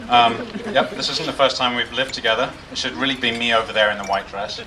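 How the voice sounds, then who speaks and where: His voice is medium-pitched and steady, and he moves at a quick pace through a jokey best man's toast laced with dry, self-deprecating humor. The recording comes from a distant mic at a crowded wedding reception, with guests chattering in the background.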